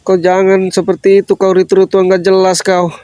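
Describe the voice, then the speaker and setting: Vlogger man from Lampung: high-pitched, dry, stern interrogator who demands answers. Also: monotone, a little fast, warm tone, smooth, no room sound. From Lampung, Indonesia. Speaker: vlogger confronting a stranger. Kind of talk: scolding interrogation on camera.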